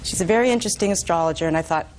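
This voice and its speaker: A woman's voice: on the low side, very fast, a little mellow, slight background noise, low-quality recording. A woman giving testimony as a plaintiff, explaining her case in a hesitant, nervous way. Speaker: plaintiff in a TV court.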